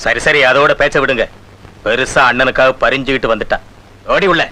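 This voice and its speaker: A middle-aged man playing a gruff father who hushes his family. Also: medium pitch, a little fast, natural voice, rough recording. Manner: gruff, hushing.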